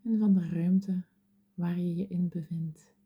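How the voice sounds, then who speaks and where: A woman whispering softly as she leads a guided meditation in a slow, soothing, gentle manner. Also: lowish voice, steady tone, husky, narrow, tinny audio.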